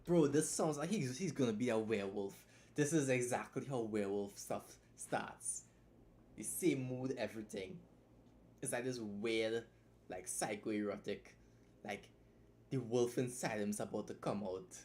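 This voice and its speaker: A man's voice: mid-range voice, unhurried, a little mellow. A man live-streaming a critique of someone's story, talking bluntly with lots of swearing, rambling and restarting his sentences.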